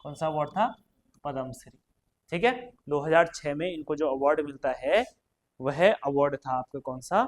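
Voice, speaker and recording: A man's voice: on the high side, moderate pace. A man teaching an exam prep lesson, quizzing students and repeating each question and answer, chatty and addressing them directly. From Uttarakhand, India.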